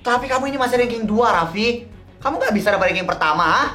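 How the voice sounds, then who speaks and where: A man playing a harsh middle-aged father who scolds his son and shouts at him. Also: a little high, quick pace, a little hiss or hum. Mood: scolding.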